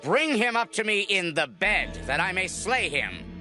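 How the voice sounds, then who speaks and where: A man playing an angry, commanding king of ancient Israel in a dramatized scripture reading, with forceful archaic phrasing. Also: high-pitched, very animated, a little slow, faint music behind, exaggerated voice. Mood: angry demanding.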